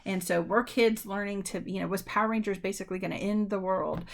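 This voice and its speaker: A woman lecturer talks her students through the material in a loose, conversational way, pausing on ums and restarting sentences. Her voice has a gravelly edge and sits at an ordinary middle pitch. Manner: addresses students directly. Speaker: university lecturer. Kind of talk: recorded lecture.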